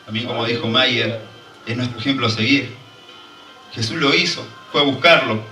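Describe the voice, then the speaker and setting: A man's voice: medium pitch, moderate pace, pushed and bright, reverberant, far from the mic, soft background music, poor audio. A man preaching a fervent sermon and drawing call-and-response from the congregation. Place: church hall.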